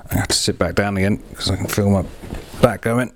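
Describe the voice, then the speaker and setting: A man's voice: fairly low pitch, steady tone, brisk, noisy background. A man hosting a podcast, rambling in a chatty, self-deprecating way with casual swearing as he talks through hands-on work in a small echoey darkroom. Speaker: podcast host.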